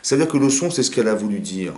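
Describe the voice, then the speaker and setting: A man who is a rabbi giving an informal Torah class in a private home, talking quickly and firing rhetorical questions at his listeners. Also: on the low side. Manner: rapid, animated, asks the audience rhetorical questions. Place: living room of a private home. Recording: roomy home recording.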